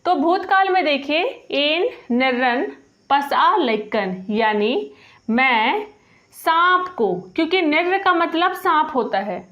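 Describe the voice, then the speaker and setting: A woman teaching a spoken grammar lesson, patiently repeating each example and slowing down on the example phrases. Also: high-pitched, animated, fairly bright tone, muffled recording. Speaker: language teacher.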